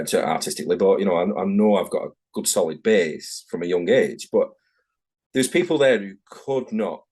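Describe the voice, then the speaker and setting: Low, a little mellow and husky, the voice belongs to a middle-aged man from Manchester in England who is a tattoo artist guest. He chats frankly in a relaxed video-call interview with a Manchester English accent, wandering off track and frequently correcting himself.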